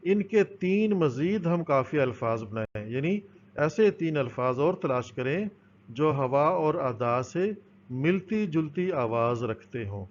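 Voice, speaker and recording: A man's voice: fairly high pitch, lively intonation. A man teaching a recorded school lesson, explaining patiently and answering his own questions. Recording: dull, lo-fi with faint noise.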